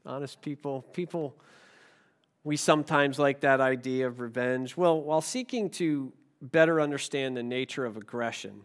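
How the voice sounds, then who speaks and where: A man preaching a sermon to a congregation in a conversational way, asking the room questions and swinging between loud stresses and quiet asides. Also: mid-range voice, normal speed, smooth. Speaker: pastor.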